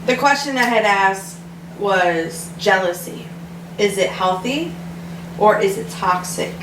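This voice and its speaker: A woman's voice: medium pitch, expressive, slow pace. Chatty, giggly woman co-host. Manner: chatty, giggly, asks questions. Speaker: podcast co-host. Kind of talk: casual chat. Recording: echoey room, distant mic, audible noise.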